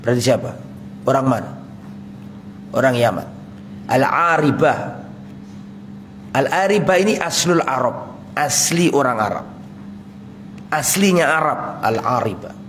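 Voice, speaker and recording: A man's voice: medium pitch, animated, measured pace, pauses often, fairly bright tone, a little hiss or hum. A man giving a casual sermon, often asking his audience questions and answering them himself. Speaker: ustadz giving a religious study talk.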